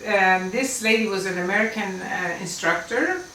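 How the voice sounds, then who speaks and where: At normal speed and with a fairly bright, mid-range voice, a Farsi-native woman in her seventies who works as an Islamic lecturer earnestly shares her life story, laughing lightly now and then and speaking with emphasis. Recorded with a distant mic, it sounds roomy, with faint ambience and slight background noise.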